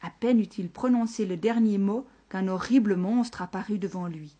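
A woman's voice: medium pitch, moderate pace, warm tone. A woman telling a folk tale aloud to listeners, speaking to them directly and unhurriedly. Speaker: storyteller. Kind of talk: live oral storytelling to an audience.

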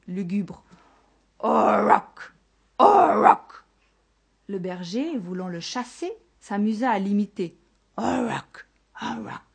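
A woman's voice: mid-range voice, mellow, husky. A woman telling a folk tale aloud to listeners, speaking to them directly and unhurriedly. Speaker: storyteller. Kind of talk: live oral storytelling to an audience.

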